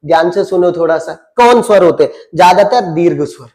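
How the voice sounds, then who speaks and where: A man's voice: high-pitched, expressive, fairly quick, darkish tone. A man with an Uttarakhand Hindi accent teaching grammar, asking and answering his own questions and drawing out vowels to show their length. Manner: draws out vowels to demonstrate them. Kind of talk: classroom-style lesson with questions and answers.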